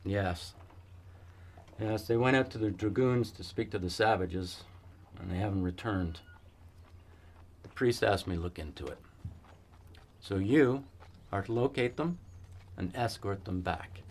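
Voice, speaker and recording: An actor playing a weary cavalry fort commander in a western film, giving measured, authoritative orders. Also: male voice, fairly low pitch, a little hiss or hum. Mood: stern. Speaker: army post commander.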